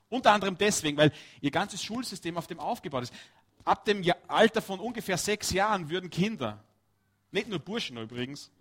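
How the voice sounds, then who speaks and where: A man preaching a lively, chatty sermon, his voice sitting a little above the usual male pitch. He talks straight to his listeners, breaking off for quick asides and questions.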